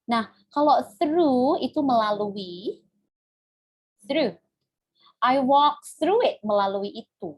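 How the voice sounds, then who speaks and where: Woman English teacher, high voice, unhurried, playful, code-switching, on a video call. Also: lively intonation, breathy edge. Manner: mixes Indonesian and English, playful, laughs often. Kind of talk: live online class.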